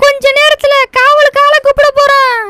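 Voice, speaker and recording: A squeaky, piping little voice makes teasing asides in a game video. It sits extremely high and barely moves in pitch, thin and bright. There is faint hiss behind it, and it sounds a little far from the mic. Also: male voice, flat delivery, fairly quick, no echo, clean studio sound, heavily acted.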